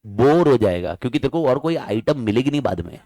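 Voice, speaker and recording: A male teacher giving a lively classroom lecture, bantering and firing questions at his students. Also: medium pitch, brisk, dry recording, low-quality recording.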